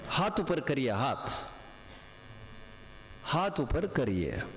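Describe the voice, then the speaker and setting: A man's voice: medium pitch, very animated, very slow, crowd noise. A man teaching a class of students, quizzing them and repeating his questions, mixing in English words. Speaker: religious teacher. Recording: echoey hall with long reverb.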